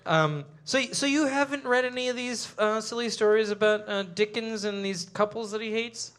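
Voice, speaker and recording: A woman's voice: on the high side, moderate pace, clean tone. A woman hosting a live comedy show on a small stage, bantering with her guests in a chatty, apologetic way. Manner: chatty, apologetic, laughing asides.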